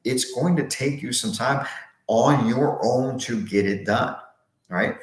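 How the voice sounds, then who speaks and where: A man's voice: medium pitch, slow pace. A man hosting a live sales training session, talking upbeat from a bare, unfurnished office that echoes, often restarting words and asking "right?". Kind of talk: live motivational sales talk. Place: brand-new empty, unfurnished office. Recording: echoey bare empty room.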